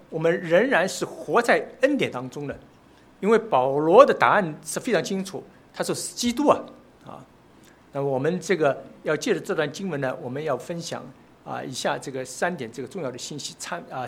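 A man's voice: on the high side, fairly bright tone, husky. A man preaching a sermon, speaking with frequent filler sounds and rising emphatic peaks. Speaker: pastor.

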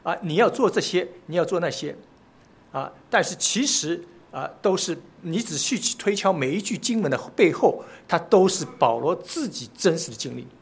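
Husky-voiced male preacher, lively pitch. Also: normal speed. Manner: frequent filler "啊" and restarts, rising emphatic peaks. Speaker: pastor. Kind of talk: sermon.

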